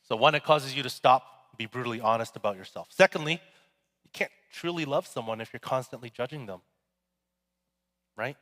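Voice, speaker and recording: A man's voice: mid-range voice, moderate pace, a bit bright. A male pastor giving a sermon in a casual, joking, conversational way. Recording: echoey hall.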